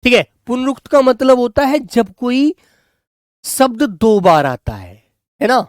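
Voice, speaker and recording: A male teacher giving a grammar lesson to children, slowly dictating and repeating words so they can write them down, and speaking affectionately to his pupils. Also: very high-pitched, big pitch swings, dry recording, studio quality. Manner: affectionate, calls students "beta".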